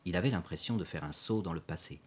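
Low husky guy reading a story, calm and steady. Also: quick pace. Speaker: narrator. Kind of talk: audiobook narration.

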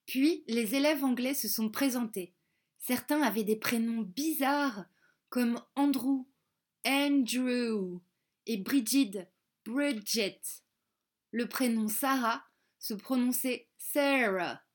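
A woman reading a children's storybook aloud, slow and careful, repeating words for young learners. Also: a little high. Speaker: audiobook reader.

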